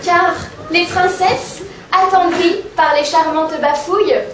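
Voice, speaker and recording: A woman's voice: extremely high pitch, fairly even intonation, slow pace, noisy background. A woman comedian reciting a rhyming comic tale on stage in a sing-song, mock-innocent manner. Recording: echoey stage sound from far off.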